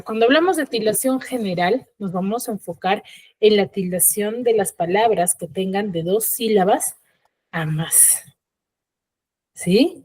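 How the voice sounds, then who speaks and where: A woman's voice: mid-range voice, darkish tone. A woman teacher explaining a grammar lesson in an online class, checking in often with short questions. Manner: explains step by step, checks in with frequent "¿sí?". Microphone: video call.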